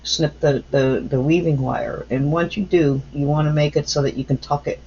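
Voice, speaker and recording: Gravelly man narrating craft work. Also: on the high side, steady tone, darkish tone, a little hiss or hum. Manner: unhurried, thinking aloud while working. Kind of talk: casual craft follow-along narration. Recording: dull lo-fi home recording.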